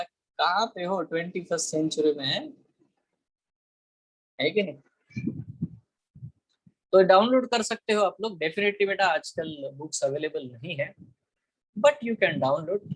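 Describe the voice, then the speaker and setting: A man's voice: high voice, unhurried, long pauses, rough recording. A man teaching a biology class online, switching between Hindi and English with an Indian accent, calling students "beta" and often checking that they follow. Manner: asks the class frequent check questions.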